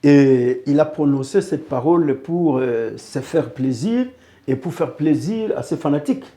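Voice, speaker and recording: A man from the Democratic Republic of the Congo, appearing as an interview guest, speaks earnestly about politics, repeating phrases to press his points. His voice is on the high side, expressive and warm, and he takes his time.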